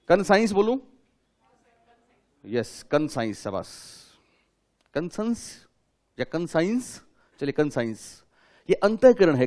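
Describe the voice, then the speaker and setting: A man's voice: on the high side, a little mellow. A man lecturing a class, asking his students questions and repeating key terms for them to write down. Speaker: teacher.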